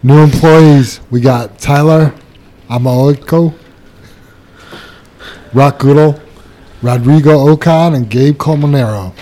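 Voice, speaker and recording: A man co-hosting a casual workplace podcast, reading out new hires, birthdays and shout-outs in a matter-of-fact way. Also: a little high, slow, long pauses. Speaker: podcast co-host reading announcements.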